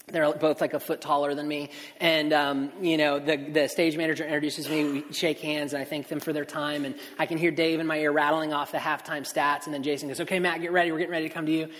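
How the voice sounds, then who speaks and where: A man speaking from the pulpit, telling an animated anecdote that pokes fun at himself. His voice carries a long reverb, as in a large hall. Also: on the high side, brisk. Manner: animated, self-mocking anecdote. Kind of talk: sermon storytelling.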